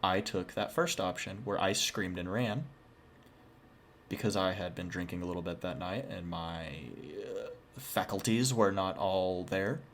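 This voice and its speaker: A young man tells a spooky personal story in a casual, chatty way. He keeps dropping self-deprecating asides. His voice sits a little on the low side. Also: unhurried, fairly bright tone.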